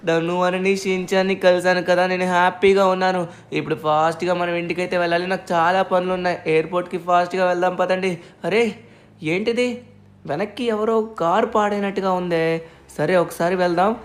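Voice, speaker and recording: A man narrating and voicing the lead in a game role-play story, brisk and reassuring. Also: high-pitched, fairly even intonation. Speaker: narrator and player.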